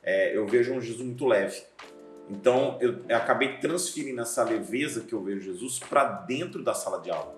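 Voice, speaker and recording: A man with a deep voice talks casually on a podcast, telling stories with a playful, animated delivery. He is a pastor and teacher. The room sounds roomy, and faint music plays underneath. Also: a little fast. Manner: lively storyteller, acts out scenes, laughs often. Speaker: seminary professor and pastor, guest.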